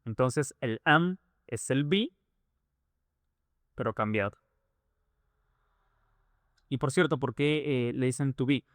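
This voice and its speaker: A man's voice: mid-range voice, slow pace, long pauses, a bit bright, no echo, studio quality. A man teaching a lesson, explaining patiently and repeating points through rhetorical questions. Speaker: English teacher.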